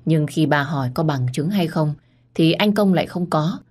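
A woman narrating a first-person audio story in a calm, intimate manner. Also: low voice, normal speed.

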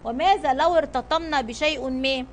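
A woman voicing a brave male sea captain who shouts commands in a children's storybook reading. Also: high voice, fairly quick. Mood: steady.

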